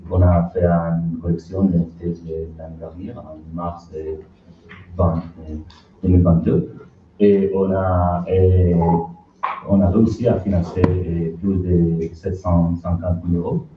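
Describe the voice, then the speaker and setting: Deep male panelist, non-native with foreign accent, hesitant delivery; distant echoey room mic. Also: fairly even intonation. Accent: foreign accent in French. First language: not French. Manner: halting, hesitant French. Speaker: film director and producer. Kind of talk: panel introduction, unscripted. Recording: echoey, distant, dull, faintly noisy room.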